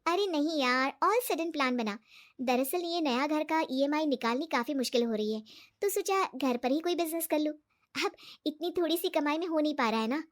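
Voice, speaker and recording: Woman doing a bright, trusting young wife. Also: high-pitched, lively intonation, normal speed, pitched above the performer's own voice. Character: cheerful trusting young woman, office worker.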